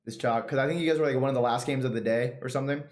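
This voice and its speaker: A man chatting casually as a podcast host, voice at a middle pitch. He talks in an easy, talkative way, and the room around him rings with echo. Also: very fast. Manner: relaxed, chatty, recaps past matches. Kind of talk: casual chat.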